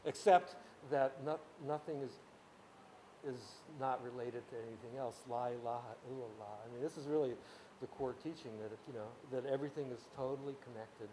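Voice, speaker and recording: His voice is mid-range and dark-toned, and he speaks fairly quickly on a rough recording with a little hiss or hum. He's a music teacher from a Ukrainian-speaking background giving an informal lecture on sound in a camp workshop room, explaining at length with many restarts, fillers, and "you know"s.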